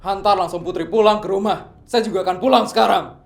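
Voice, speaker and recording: A man voicing a wealthy, protective father who is quick to anger and gives loud commands. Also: fairly high pitch, steady tone, close to an everyday voice. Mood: commanding. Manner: commanding, raises his voice in anger. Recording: echoey room, faint music.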